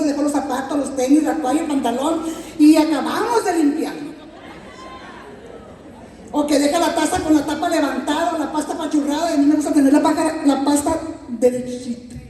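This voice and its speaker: High-voiced woman speaking in an echoey hall. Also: far from the mic, slight background noise. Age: middle-aged. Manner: animated, acts out quotes, laughs often. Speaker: church speaker. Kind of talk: church talk with slides.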